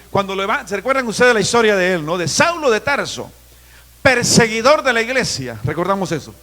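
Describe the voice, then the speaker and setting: A man in his fifties from Guatemala, a pastor preaching a sermon with emphatic, drawn-out phrases in a church. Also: high-pitched, bright, forceful tone. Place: church sanctuary. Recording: long reverb of a church hall.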